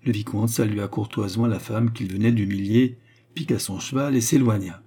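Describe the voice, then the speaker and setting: A man narrating a classic novel in a measured, expressive reading. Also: lowish voice, breathy edge. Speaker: audiobook narrator.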